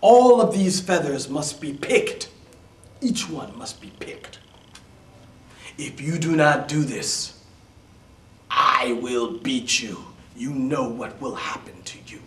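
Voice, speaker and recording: Storybook stepmother, cruel and stern, a man putting her on, slow and lively in pitch, echoey room. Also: distant mic, a little hiss or hum. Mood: threatening. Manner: stern, threatening, drops to a whisper. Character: cruel harsh stepmother, woman, demanding. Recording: roomy echo, voice off-mic.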